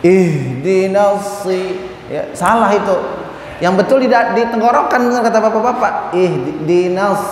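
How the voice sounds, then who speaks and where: A man teaching a group of men to recite, chanting verses slowly and then correcting their pronunciation in quick, everyday speech. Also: extremely high pitch. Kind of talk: tajwid lesson to a group of men. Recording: echoey hall with faint room noise.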